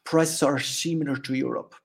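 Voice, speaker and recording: An Italian man speaking English with an Italian accent chats as a podcast guest in a casual interview, laughing often. His mid-range voice is husky with vocal fry and moves at normal speed. He's a chatty, animated storyteller.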